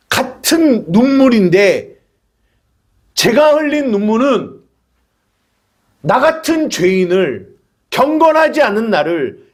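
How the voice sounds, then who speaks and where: A male pastor preaching a sermon, acting out prayers and imagined dialogue as he explains his point. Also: very high voice.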